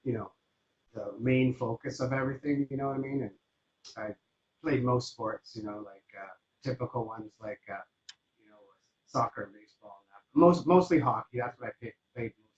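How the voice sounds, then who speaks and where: A man, a guest in a casual interview, telling his story in a relaxed, rambling way full of fillers. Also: mid-range voice, normal speed, dull audio. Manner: relaxed and rambling, with many fillers like "you know".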